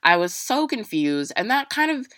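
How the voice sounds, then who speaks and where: A young woman telling a personal story in a casual, halting way, full of fillers and restarts, with emotion close to the surface. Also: mid-range voice, very animated, a bit bright, no room sound. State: emotional, near tears.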